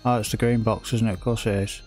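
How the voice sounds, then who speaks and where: A man's voice: fairly low pitch, steady tone, fast talker, darkish tone. A man giving casual live gameplay commentary as a streamer, on a close microphone. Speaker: game streamer. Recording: stream with music behind.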